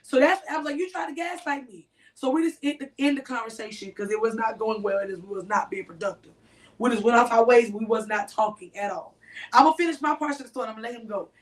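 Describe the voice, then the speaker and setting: A woman with a fairly high voice tells a story on a podcast, animated and talking right to her listeners. She sits a bit back from the microphone, so her voice has some distance. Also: quick pace. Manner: animated, addresses listeners directly. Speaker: podcast co-host.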